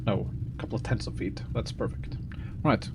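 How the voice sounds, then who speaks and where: A man giving casual pilot commentary, halting and thinking aloud as he works through checks. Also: on the low side. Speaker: flight simulator pilot and host. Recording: loud engine-like noise behind voice. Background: loud vehicle ambience.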